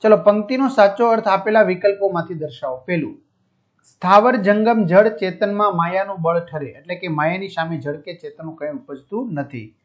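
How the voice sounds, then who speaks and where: Brief: male teacher, high voice, explains exercises step by step, dull lo-fi audio. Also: normal speed. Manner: explanatory, checks with listeners. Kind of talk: walking through textbook exercises. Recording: dull lo-fi sound.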